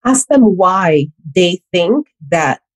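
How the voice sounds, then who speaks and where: A woman's voice: fairly low pitch, lively intonation, slow pace, dry recording, poor audio. Earnest woman career coach, dry sound. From Honduras. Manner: earnest, reflective, with many restarts. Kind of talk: casual interview talk.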